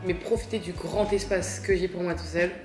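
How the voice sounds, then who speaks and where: A French woman in her twenties vlogs from her kitchen, chatting casually to the camera in a French accent and slipping English words into her speech. Her voice sits on the low side, steady in tone, a little mellow, at a normal speed. The roomy home has background music playing.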